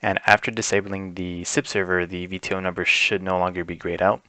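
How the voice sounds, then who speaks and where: A tech instructor talks through a piece of software step by step, explaining each setting in an unscripted, informal way. His voice sits low, with a flat delivery at a fairly quick pace.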